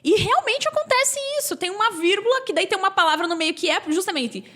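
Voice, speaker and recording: A Brazilian woman in her thirties, a podcast guest who tells her stories in an animated way and laughs often. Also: extremely high pitch, fast talker. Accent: Brazilian Portuguese. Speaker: podcast guest, labor lawyer. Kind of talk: casual podcast chat.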